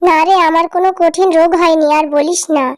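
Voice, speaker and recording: A meek old village mother in a cartoon drama, played by a woman. She pleads softly in a high voice. The sound is dry and close. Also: fairly even intonation, dry recording. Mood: affectionate. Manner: pleading, soft and slow. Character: frail, meek elderly village mother-in-law. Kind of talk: cartoon voice acting.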